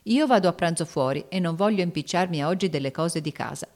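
A woman voicing a brisk, weary mother in an audiobook, curt and dismissive. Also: fairly low pitch, lively intonation, a little mellow. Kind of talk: audiobook character reading.

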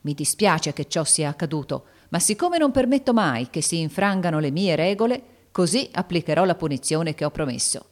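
A woman reading aloud and voicing an irritable older male schoolteacher who gives orders in a booming, commanding voice. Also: lively intonation, normal speed, natural voice. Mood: stern, scolding. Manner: stentorian, commanding.

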